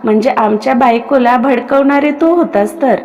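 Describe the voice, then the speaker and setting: Woman reading confident young man, smug, mischievous, fairly high voice, long reverb. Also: normal speed, a little mellow, lo-fi sound, lightly acted. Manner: smug, teasing.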